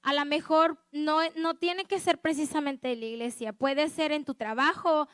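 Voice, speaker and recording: High-voiced woman preaching a testimony sermon. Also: fairly even intonation, moderate pace, no room sound. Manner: earnest and conversational, keeps asking listeners for agreement. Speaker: lay preacher at a church service.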